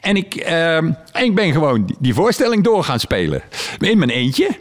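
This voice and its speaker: A man in casual conversation, telling animated stories from his work as a stage performer and acting out what people said. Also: on the high side, moderate pace. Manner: animated storytelling with quoted voices.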